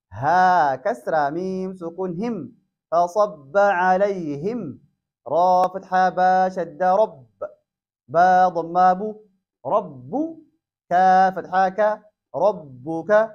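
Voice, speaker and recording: Slow high-voiced man spelling Quran verses. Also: a little mellow. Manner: spells each letter and vowel mark, then blends syllables into words. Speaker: Quran teacher. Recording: dull lo-fi recording.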